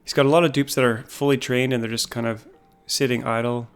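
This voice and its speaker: A man casually talking through a game base, thinking aloud with frequent pauses. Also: medium pitch, little pitch movement, smooth, faint music behind. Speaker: gaming YouTuber. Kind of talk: casual gameplay commentary.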